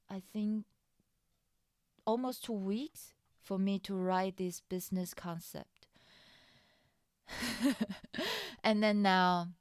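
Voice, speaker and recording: In a casual English chat, a streamer whose first language is Mandarin shares her own story of raising startup funding, candid and unhurried with frequent restarts and light laughs. Her voice is mid-range and smooth, recorded at studio quality with no echo.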